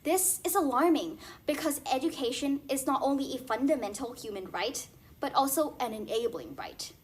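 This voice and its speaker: Young woman, fairly high voice, formal contest oratory, memorized and stiff, deliberate emphasis. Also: lively intonation. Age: young adult. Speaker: speech contest competitor. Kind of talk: rehearsed formal contest speech.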